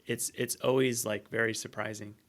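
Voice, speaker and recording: A man's voice: fairly low pitch, flat delivery, normal speed. A man speaking as a researcher guest on a podcast, thinking aloud in a hesitant way with many ums. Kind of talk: casual interview conversation.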